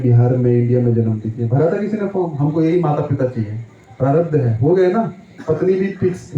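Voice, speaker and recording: Male spiritual teacher, conversational sermon, dark mellow tone; dull recording with a big hall echo. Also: a little high, a little hiss or hum. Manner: conversational, full of rhetorical questions and tag questions. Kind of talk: scripture discourse sermon. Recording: echoey hall, dull sound.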